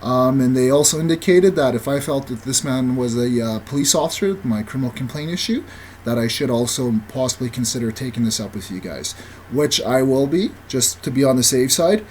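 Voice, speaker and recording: A man leaving a voicemail to lodge a formal complaint, halting and full of hesitations. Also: medium pitch, lively intonation, a little mellow, a little hiss or hum. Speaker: caller.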